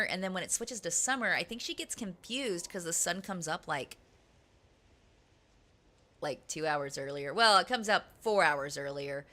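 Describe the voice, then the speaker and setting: A woman streamer chats casually with her live audience, giggling and laughing often. Her bright voice swings widely and lively in pitch. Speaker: game streamer.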